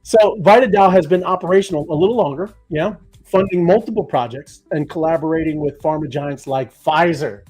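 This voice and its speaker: Rambling male crypto co-host, husky and high-voiced, light music behind. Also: a little fast, few pauses, darkish tone. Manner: rambling, many fillers and restarts. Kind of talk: casual livestream chat.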